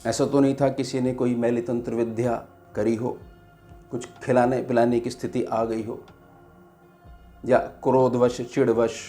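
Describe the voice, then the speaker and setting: A man, a spiritual teacher, giving a devotional teaching talk in a slow, measured way with pauses. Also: mid-range voice, darkish tone.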